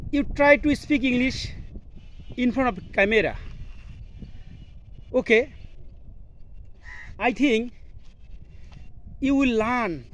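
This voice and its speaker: This Bangladeshi-accented man speaks with an extremely high pitch and a fairly bright tone. A Bengali native working as an English teacher and video host, he films an instructional vlog to camera in an open scenic outdoor place, using halting, simple English in short broken phrases, while outdoor noise and faint birdsong sit in the background.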